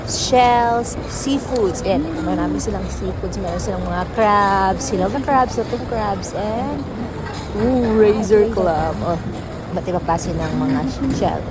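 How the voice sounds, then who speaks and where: A woman's voice: medium pitch, heavy background noise. A Filipino woman narrating a casual promotional food vlog, chatting straight to viewers and switching between Tagalog and English. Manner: chatty, addresses viewers directly. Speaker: food vlogger.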